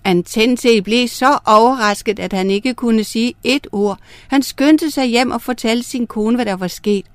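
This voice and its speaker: A woman narrating star myths and a fairy tale for children, reading in a clear, gentle way. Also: fairly high pitch, few pauses, no room sound. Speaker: storyteller.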